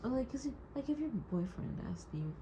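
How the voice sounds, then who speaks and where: Holding back tears, a young audio diarist talks in a hurt, wry way, hesitating and rambling with heavy use of "like." Her high voice swings widely in pitch at a slightly quick pace, captured in a dull lo-fi recording with noticeable background noise.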